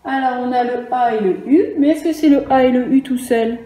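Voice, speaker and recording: A woman's voice: sits high, normal speed, mellow. A woman teaching phonics to young children in a remote lesson, spelling out letters one at a time with patience. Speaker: primary school teacher. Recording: echoey room with faint noise.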